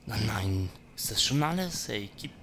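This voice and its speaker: A man's voice: lowish voice, lively intonation, a little slow, fairly bright tone, a little hiss or hum. A man commenting on his gameplay, talking to zombies and to himself and swearing when startled. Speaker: let's player.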